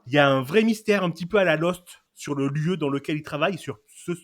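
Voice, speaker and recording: A man's voice: on the high side, a little fast. A man hosting a casual film and series podcast, playful and theatrical as he introduces his guests. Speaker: podcast host. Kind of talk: casual chat.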